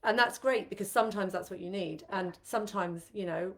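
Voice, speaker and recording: Speaking fairly quickly in a mid-range voice, this retreat facilitator co-hosts a laid-back live stream. Her chatty talk is full of fillers and false starts.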